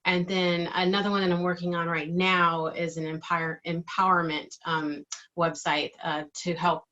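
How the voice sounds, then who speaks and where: A middle-aged woman speaks in a bright, clear-edged voice that sits a little low. She answers interview questions casually, feeling her way through phrases and letting some trail away. The recording is somewhat dull and lo-fi. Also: flat delivery, moderate pace. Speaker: interviewee, digital marketing team member.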